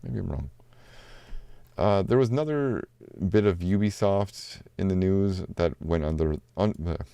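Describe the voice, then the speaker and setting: A man's voice: low-pitched, lively intonation, unhurried, vocal fry, dark tone, smooth, no echo. A man hosting a solo gaming news podcast, talking casually with rambling asides and self-corrections.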